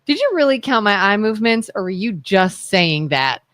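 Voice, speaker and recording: An Ohio woman co-hosts a casual talk show in a radio studio, her voice medium-pitched and moderately paced on a dry recording. She's an animated storyteller who acts out the voices of the people in her anecdotes.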